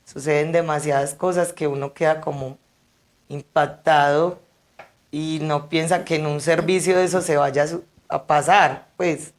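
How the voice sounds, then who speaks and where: A woman's voice: sits low, measured pace. A woman who works at funerals, telling anecdotes in an interview and animatedly acting out the people in them. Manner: animated, acts out quotes. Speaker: funeral service worker.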